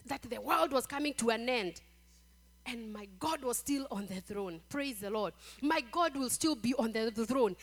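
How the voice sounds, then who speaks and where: A woman preaching a sermon, quoting scripture and often saying "praise the Lord", moving between quiet storytelling and loud exhortation. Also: fairly high pitch.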